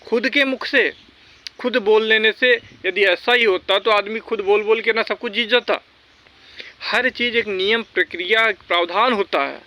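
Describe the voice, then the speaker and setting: Bright and forceful, this man's high-pitched voice moves at normal speed. As a recruitment exam update vlogger, he addresses his viewers directly and casually, full of strong opinions, exhorting them and hammering his points home through repetition.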